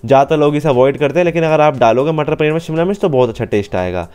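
A man's voice: fairly high pitch, animated, very fast, darkish tone, clean tone, soft background music. Young man talking through a recipe. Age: young adult. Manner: explanatory, step-by-step, chatty. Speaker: cooking channel host. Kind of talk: cooking tutorial voice-over.

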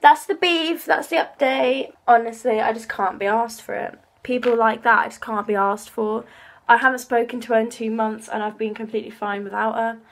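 High-voiced young woman venting. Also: steady tone, moderate pace, creaky. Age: young adult. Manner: emotional, rambling, swears freely. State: tearful. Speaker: vlogger. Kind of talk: casual venting to camera.

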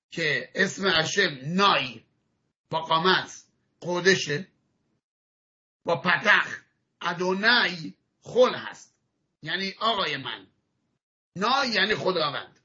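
A man teaching a religious lesson, his voice high for a man and bright. He explains patiently and demonstrates each sound again and again, clearing his throat now and then. The audio is muffled, like an old archive recording. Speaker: rabbi teaching Hebrew pronunciation.

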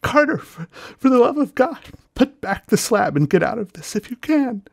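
A man's voice: big pitch swings, normal speed, gravelly, no room sound, clean studio sound, heavily acted. A panicked man screaming from a crypt. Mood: frantic screaming. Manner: shaky whispers rising to frantic high screams. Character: terrified grown man trapped in a crypt.

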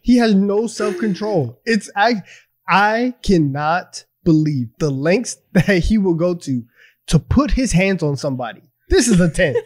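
A man co-hosting a casual sports podcast, animated and laughing often as he talks. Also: high voice, unhurried. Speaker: podcast co-host.

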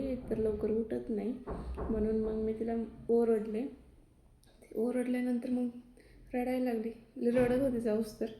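A young woman vlogger narrating her daily routine in a soft-spoken, chatty, reflective way. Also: fairly high pitch. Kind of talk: casual daily vlog narration.

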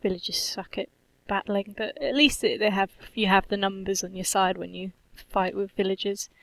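A woman's voice: mid-range voice, steady tone, moderate pace, fairly bright tone, no echo. A woman giving casual gameplay commentary, playful, cheerfully swearing and humming to herself. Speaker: gaming channel host.

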